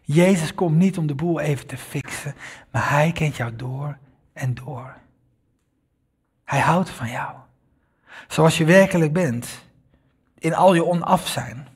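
Male pastor preaching, earnest storyteller, slightly high and husky. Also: unhurried. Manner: earnest storytelling, addresses the listeners directly. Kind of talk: sermon.

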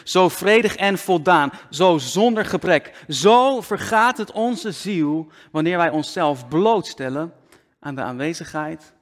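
A man preaching a sermon slowly and deliberately, often dropping to a near-whisper for emphasis, speaking into a microphone. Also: on the high side. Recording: long hall reverb.

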